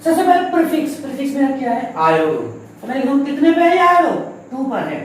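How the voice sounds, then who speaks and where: A man's voice: very high-pitched, big pitch swings, fast. A male teacher giving a lesson in a conversational way, asking and answering his own questions and repeating the key points. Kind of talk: recorded classroom lesson. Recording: very echoey room, mic at a distance, faint noise.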